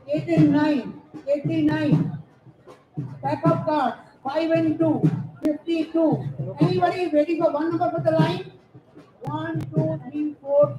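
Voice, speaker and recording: At a Diwali party held outdoors in the evening before a stage, a very high-voiced, middle-aged Indian man works as the bingo caller. Over an echoey PA with loud music playing, he calls numbers digit by digit into the microphone, stretching them out and adding rhyming nicknames.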